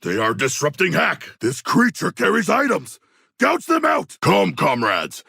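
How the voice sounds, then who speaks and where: A man playing a hulking shark-man warrior in a video game, with a rough gravelly voice and stilted, formal, proudly bloodthirsty yet earnest speech. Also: sits high, wildly swooping pitch, a little slow, sharp tone, dry recording, studio quality, exaggerated voice. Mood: battle-roused, proud. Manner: stilted formal diction, grandiose, literal-minded. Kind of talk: video game character voice lines.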